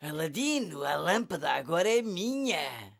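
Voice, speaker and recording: A man's voice: fairly high pitch, sing-song, unhurried, vocal fry, heavily acted. A man voicing a scheming, blustering frog vizier in a cartoon dub, with a European Portuguese accent. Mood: gloating.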